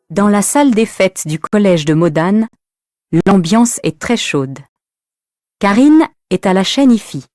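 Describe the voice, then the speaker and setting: A woman's voice: mid-range voice, darkish tone, dry recording, clean studio sound. A woman narrating a story for language learners, reading carefully and expressively.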